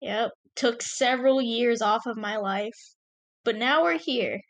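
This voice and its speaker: A young adult woman, the podcast's co-creator and host, trades casual banter and a thank-you message, playful and fond of mock-dramatic jokes. Her voice is on the high side, her pace measured, and there is no echo.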